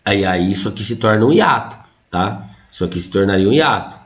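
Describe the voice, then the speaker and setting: A man's voice: fairly low pitch, a little fast. A Brazilian man teaching a Portuguese grammar lesson for exam prep, explaining step by step and joking with his students. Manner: explanatory, lively, jokes with students, frequent "tá?" and "ó".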